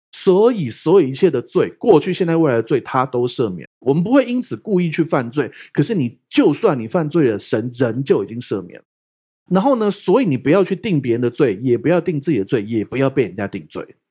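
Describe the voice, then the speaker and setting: Husky, animated male pastor preaching. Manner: animated, quick jumps in pitch, often asks the congregation "do you get me?". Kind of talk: lively sermon.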